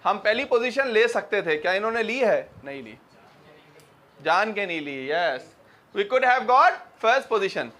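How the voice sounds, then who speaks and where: High-voiced male teacher, joking. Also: very animated, slow, sharp tone. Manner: quizzes students and repeats examples; joking, teasing. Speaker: English teacher. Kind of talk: classroom grammar lesson. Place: classroom with students.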